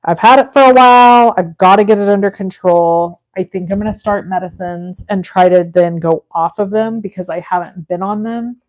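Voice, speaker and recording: A woman's voice: mid-range voice, steady tone, normal speed, few pauses. Chatty woman in her forties crafting. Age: 40s. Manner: chatty, thinks aloud and talks to viewers. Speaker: craft live-stream host. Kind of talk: casual chat while crafting.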